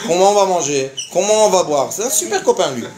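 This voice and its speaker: A man's voice: sits high, quick pace. A man in his fifties or older, a rabbi telling a story to a live audience, acting out the dialogue and laughing as he tells it. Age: 50s or older. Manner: animated, acts out dialogue, laughs while telling. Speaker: rabbi giving a lecture. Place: lecture hall. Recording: echoey lecture hall, faint noise.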